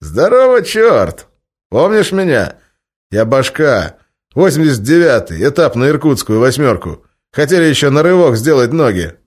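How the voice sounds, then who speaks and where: A man voicing a short, brash male criminal who talks loud and excited. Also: medium pitch, unhurried, few pauses, pitched above the performer's own voice, natural voice. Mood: brash greeting.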